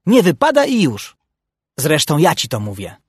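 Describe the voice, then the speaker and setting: A man's voice: medium pitch, expressive, normal speed, husky, no room sound, studio quality. A man voicing a stern, self-important grown male dog who scolds a younger pup, in a storybook reading. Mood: scolding.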